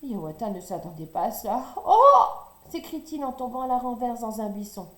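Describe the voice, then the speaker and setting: A woman reading a children's story aloud in a lively, expressive way. Her voice sits a little high and moves a lot. The recording has a roomy echo. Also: fairly quick.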